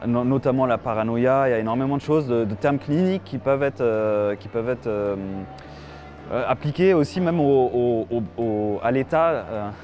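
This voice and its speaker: A man's voice: medium pitch, moderate pace, a little mellow, faint music behind. A man in his thirties from Germany, an animation film director giving a festival interview, hesitant with many fillers and restarts.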